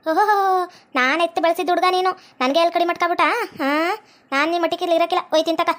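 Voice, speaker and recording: A woman playing a meddling, deaf old village woman in a comic family skit, with a North Karnataka Kannada accent and a shrill, nagging, melodramatic way of talking. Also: steady tone, racing, a bit bright. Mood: indignant.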